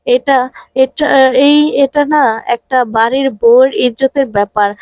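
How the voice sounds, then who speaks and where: A woman's voice: sits high, moderate pace, no echo, dull audio, lightly acted. A woman voicing an angry man who threatens a captive to defend a wife's honour. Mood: menacing. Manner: menacing, shouting threats.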